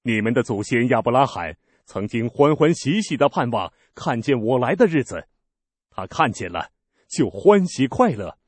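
A man voicing a calm, authoritative male teacher, speaking in an earnest, firm, solemn way. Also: medium pitch, normal speed, no room sound.

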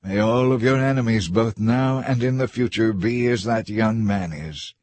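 Solemn messenger, man reading, low, dry. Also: normal speed, a little mellow, no echo, lightly acted. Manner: formal and solemn. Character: foreign messenger bringing grim news.

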